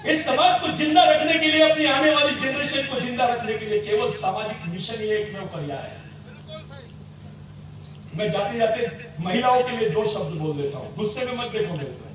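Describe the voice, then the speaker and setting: Heavily echoing distant recording, loud noise, man, booming rousing speech, exhortatory. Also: moderate pace. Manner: emphatic, exhortatory, repetitive phrasing, rhetorical questions. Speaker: activist leader addressing a community convention. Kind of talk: booming, rousing political-style speech to a gathering.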